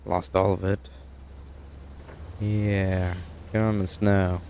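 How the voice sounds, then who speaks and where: Low and mellow, this young American streamer's voice holds a level tone and moves slowly as he gives loose, rambling let's-play commentary on a truck-driving game. He drops dry asides and keeps correcting himself, and a slight hiss or hum sits in the background.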